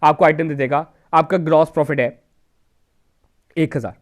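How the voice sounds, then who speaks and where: A man's voice: on the high side, fairly even intonation, normal speed. A male coaching teacher, giving an exam revision lecture in Hindi mixed with English terms, asking and answering his own questions. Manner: keeps checking in with "theek hai?".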